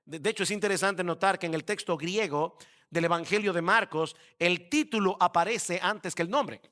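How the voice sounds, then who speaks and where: A male pastor preaching a sermon, speaking emphatically straight to his congregation and slowing down to stress key words. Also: high-pitched, fairly bright tone. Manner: emphatic, addresses the congregation directly.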